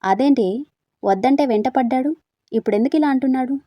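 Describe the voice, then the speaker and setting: Chatty young hostel girlfriends from a spoken storybook, teasing and prying with eager questions, all voiced by one woman narrator. The voice is a bit high and soft-toned, close and dry. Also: a little fast, no echo. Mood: curious, teasing.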